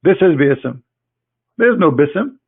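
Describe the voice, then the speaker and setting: A fairly high, husky male voice takes it slowly, with lively intonation, over thin phone-like audio. The speaker, a religious critic sharing his screen, delivers a mocking lecture, addressing his opponent directly with scorn and sarcasm.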